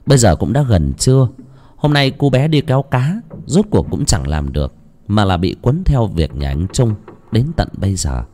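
Low-voiced man telling a dramatic story. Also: big pitch swings, moderate pace, dark tone, a little hiss or hum. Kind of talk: scripted horror story narration.

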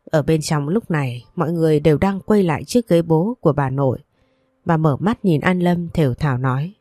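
A woman narrates a story with a low, mellow voice and a steady, even reading. The recording is dry and close. Soft music plays faintly underneath. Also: no echo.

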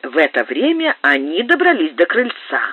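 A man reads an audiobook aloud in a theatrical manner, his pitch rising and falling. His voice sits a little high. The recording is dry and muffled, like old radio. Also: wildly swooping pitch, moderate pace, slightly rough, dry recording. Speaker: audiobook narrator. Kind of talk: scripted audiobook narration. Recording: dull, dry lo-fi sound.

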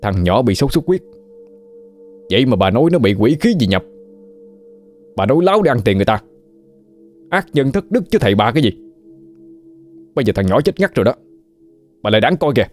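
A man's voice: low-pitched, expressive, fast talker, mellow, faint music behind. A man voicing a furious young village man ranting accusations.

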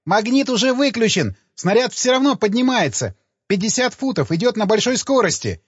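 A man reading an audiobook, voicing a nervous male engineer who talks in a high, frantic, near-squealing way, in a slightly muffled dry recording. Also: very animated, brisk, breathy edge, dry recording, heavily acted. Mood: panicked.

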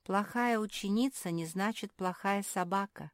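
A woman voicing a gentle, kind young female jerboa in a storybook reading, speaking softly and earnestly. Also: mid-range voice, moderate pace, no echo, clean studio sound, pitched above the performer's own voice, close to an everyday voice. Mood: pleading. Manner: soft, forgiving, earnest.

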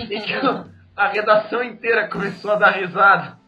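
A Brazilian man journalist telling a newsroom anecdote casually, with halting restarts. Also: high voice, steady tone. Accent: Brazilian Portuguese. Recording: muffled audio with faint music.

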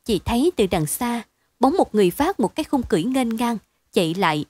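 A woman's voice: fairly high pitch, very animated, a little fast, a little mellow, dry recording. Dry, close woman narrating a bedtime story.

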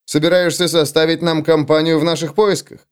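A man voicing a weary, patient human swordsman in an audiobook, with calm, dry replies. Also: on the high side, a little fast, smooth, pitched above the performer's own voice, close to an everyday voice. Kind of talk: audiobook character voice.

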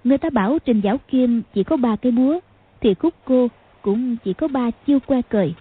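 A woman narrating a martial arts novel as an audiobook, with a steady, measured reading. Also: a little high, breathy edge. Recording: phone-like lo-fi sound.

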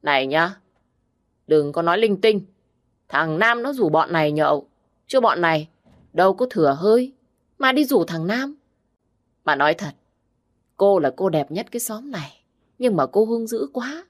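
A woman's voice: fairly low pitch, expressive, normal speed, pauses often, close to an everyday voice. A woman voicing idle male drinking buddies who mock and jeer. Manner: mocking, jeering.

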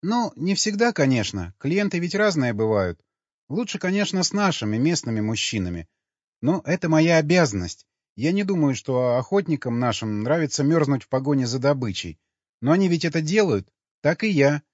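A man reading an audiobook, voicing a meek, naive young woman who talks in a soft, docile, matter-of-fact way. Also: on the high side, big pitch swings, moderate pace, no room sound, voice pushed up. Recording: dull lo-fi recording.

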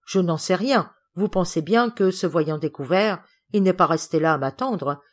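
Audiobook lady cousin, prim and indignant, read by a woman, low-pitched. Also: normal speed, close to an everyday voice. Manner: indignant, accusing, precise. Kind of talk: audiobook character reading.

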